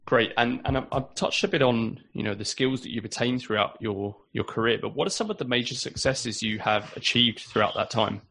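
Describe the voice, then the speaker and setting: A man's voice: mid-range voice, a little fast, hardly any pauses, a bit bright. A man hosting an interview, friendly and casual, often restarting his sentences. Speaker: host.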